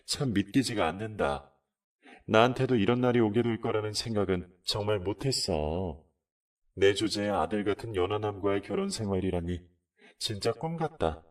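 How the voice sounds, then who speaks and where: Male reader plays an emotional older mother, pitched high, voice set back from the mic. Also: moderate pace, recorded from a distance, lightly acted. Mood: sweet. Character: older mother, newly remarried woman, pleading.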